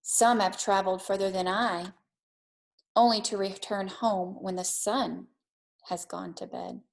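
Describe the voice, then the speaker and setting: A woman with a mid-range, creaky voice speaks unhurriedly in a steady tone. She's a teacher reading aloud to young children and setting them a challenge, keeping her lesson simple, encouraging and pitched at kids.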